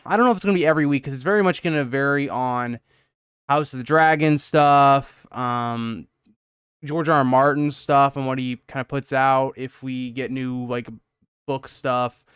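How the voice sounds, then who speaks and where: A man's voice: mid-range voice, moderate pace, fairly bright tone, clear, resonant tone, no echo, studio quality. A young man hosting his channel, out of breath after a workout, giving a loose, rambling update with lots of "um" and "kind of". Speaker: YouTube channel host. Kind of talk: casual channel update talk.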